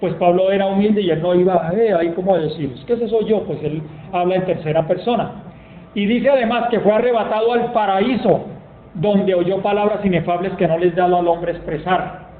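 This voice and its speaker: A man's voice: high voice, moderate pace. A man preaching a sermon, telling stories with emphasis and reading scripture aloud. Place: church hall. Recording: tinny phone-like sound, echoey hall, faint noise.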